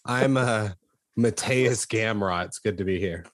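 A man's voice: fairly low pitch, measured pace, no echo. A man co-hosting a casual sports podcast, tossing in dry wisecracks. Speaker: podcast co-host. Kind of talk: casual chat.

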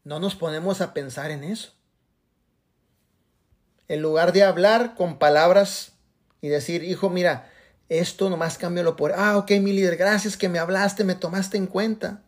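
High-voiced man giving a motivational talk. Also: a little slow. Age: 40s. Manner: animated, acts out quoted voices, blesses listeners. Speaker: motivational business speaker. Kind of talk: motivational talk on a video call. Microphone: video call.

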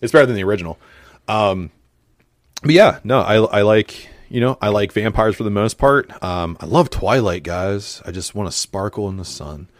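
A man's voice: lowish voice, animated, normal speed, dry recording, studio quality. A man hosting a casual podcast chat, talking animatedly with frequent fillers and laughs. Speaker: podcast host.

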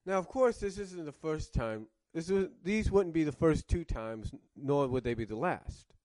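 Rambling man with a mellow voice. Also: on the high side, animated, normal speed, dry recording. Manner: rambling, circles back and rephrases. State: coughing, cough drop in mouth. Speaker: cartoon reviewer. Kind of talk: casual commentary.

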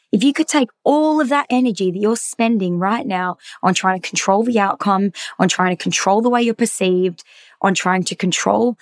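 Female podcast host, husky voice, upbeat motivational delivery, dry close sound. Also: medium pitch, dry recording. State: husky from a hoarse voice. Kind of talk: solo business podcast.

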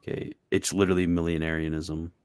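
A man's voice: low-pitched, flat delivery, fast, darkish tone, clean tone, no echo. A man hosting a casual livestream chat on a video call, thinking aloud with frequent restarts. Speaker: host.

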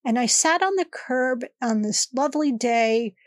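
Congested and chatty, a middle-aged woman rambles through a personal solo episode of the podcast she hosts. Her fairly high voice has lively intonation and moves a little slowly, captured in studio quality with no echo.

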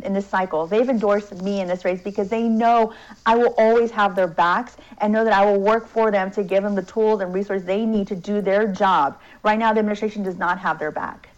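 A woman political candidate answering interview questions with repeated talking points in quick bursts. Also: medium pitch. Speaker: congressional candidate, guest. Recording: dull lo-fi remote audio.

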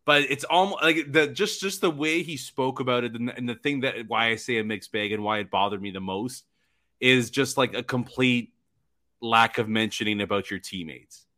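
A man co-hosting a sports podcast, with a bright, forceful tone and a teasing streak. He laughs easily and often stops and restarts mid-sentence. His pitch stays in a plain middle range. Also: moderate pace. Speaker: podcast co-host. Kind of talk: casual sports chat.

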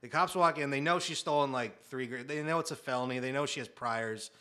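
A man in his thirties telling a comic story in a casual chat, animated and acting out quotes, with muttered asides. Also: medium pitch, brisk, smooth. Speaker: guest storyteller.

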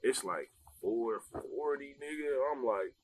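A young man telling a casual story among friends, animated and laughing, full of slang and swearing. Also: mid-range voice, takes it slowly.

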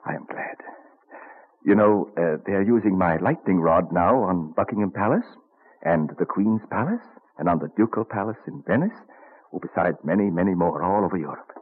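In an old-time radio drama, a man with a deep, husky voice and lively intonation plays a genial, scholarly old statesman and inventor. At a normal speed he muses fondly and proudly, savouring each word, on a muffled vintage recording.

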